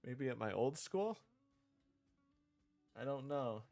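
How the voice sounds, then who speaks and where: A man streams while developing his own visual novel, reading and drafting the script aloud in a casual livestream. His medium-pitched, gravelly voice is animated but slow, and he halts, thinks out loud, and repeats and rewords lines. The recording is dry, with soft background music.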